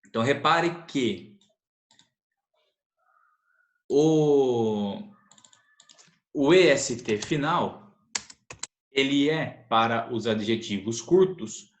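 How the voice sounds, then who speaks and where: A man's voice: mid-range voice, expressive, takes it slowly. A man teaching an English grammar lesson, explaining patiently and repeating the key points. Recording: echoey room, faint noise.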